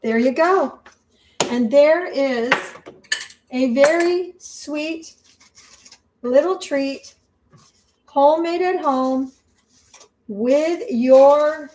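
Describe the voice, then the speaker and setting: A woman's voice: high voice, slow pace, long pauses, a little mellow, rough recording. An older woman cooking in her home kitchen, chatting in a homey, talkative way as she works. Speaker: vlogger. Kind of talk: casual cooking vlog.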